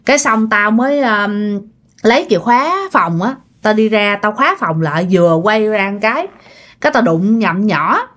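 A woman's voice: mid-range voice, animated, moderate pace, a bit bright, lightly acted. A woman voicing a friend who insists, exasperated, on what she saw. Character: flustered young woman defending herself.

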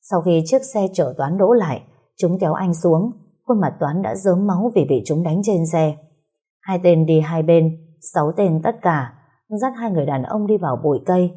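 A woman reads a dramatic story aloud in a steady, scripted narration. Her voice sits low and mellow, with a husky grain. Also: normal speed.

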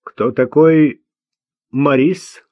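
A man voicing a calm, patient man who questions a witness firmly, in an audiobook. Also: fairly high pitch, no echo. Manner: measured, firm, patient. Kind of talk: audiobook character voice. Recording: dull dry lo-fi recording.

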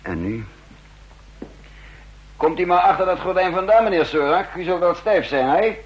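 In a vintage radio drama, an actor plays a shrewd counterintelligence chief who also narrates, speaking with dry, self-assured irony. His high voice is slightly rough, with lively intonation and a moderate pace. The audio sounds dull.

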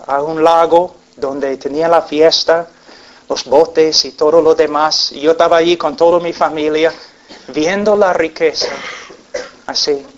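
A man preaches with slow, deliberate weight, letting each phrase land before the next. He pleads with his listeners and rises to loud, fervent peaks. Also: a little high, highs cut off. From United States. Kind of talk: sermon. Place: meeting hall.

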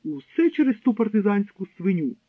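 A man's voice: high-pitched, big pitch swings, fairly quick, dry recording. A man reading an audiobook, voicing an arrogant, cruel German SS captain who barks and boasts. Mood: furious. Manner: barking, shouting, pompous. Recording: dry, tinny narrow-band sound.

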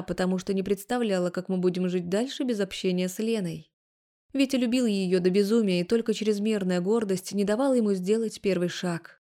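A woman reading an audiobook as a first-person narrator. She keeps an even, steady storytelling delivery at a middling pitch.

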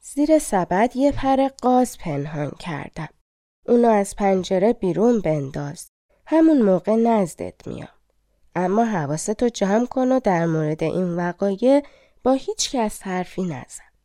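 A gentle old fortune-teller from a storybook, coaxing and mysterious as she reads fates and gives instructions, as a woman narrator puts her on. Her voice is warm and mellow, recorded close and dry. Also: medium pitch, animated, no echo, lightly acted. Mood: instructing. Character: old limping female fortune-teller, fairy in disguise. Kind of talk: audiobook fairy tale reading.

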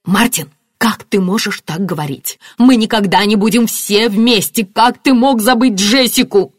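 A woman's voice: sing-song, brisk, no room sound, studio quality. A woman voicing a distraught, flaring mother. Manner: shrill, flaring up. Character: distraught hysterical middle-aged mother.

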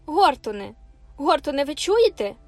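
A woman's voice: sits high, expressive, brisk, no echo, voice pushed up. A woman reading an audiobook and voicing a proud, emotional young woman who pleads with her cousin, insistent and close to tears. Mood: pleading. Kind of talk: audiobook character voice. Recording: faint music behind the reading.

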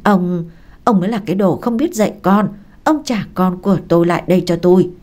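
A woman voicing a quarrelsome older village mother who shouts and curses. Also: fairly low pitch, a little fast, close to an everyday voice. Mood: angry. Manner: shrieking, cursing.

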